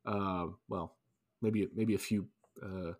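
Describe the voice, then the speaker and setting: A man's voice: low-pitched, steady tone, slow. Wry casual podcast co-host man. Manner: loose, restarting, wry asides. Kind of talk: casual sports chat.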